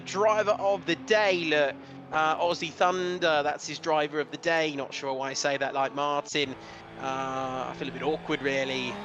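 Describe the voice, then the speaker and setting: A man giving live sim racing commentary in an excitable, emotional, fast-flowing play-by-play. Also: high-pitched. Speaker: race commentator.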